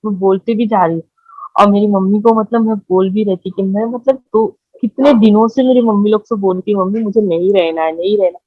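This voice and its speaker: A woman, telling her own story in halting speech, with many fillers and repeated words. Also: medium pitch, fairly even intonation, no echo, narrow, tinny audio. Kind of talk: emotional personal testimony.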